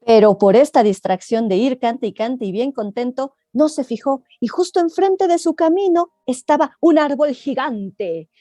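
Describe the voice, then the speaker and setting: A woman's voice: sits high, moderate pace, few pauses, no echo. A woman, an oral storyteller, talking in an interview and telling a tale playfully to her listeners. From Mexico. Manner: expressive, playful, addresses the audience.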